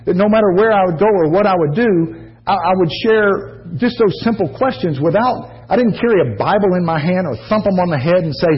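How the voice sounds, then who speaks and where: A man's voice: sits high, fairly quick. American man preaching, raised voice, folksy joking storyteller, lo-fi muffled recording. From United States. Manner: folksy storytelling with jokes and asides to the congregation. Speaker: pastor. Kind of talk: sermon.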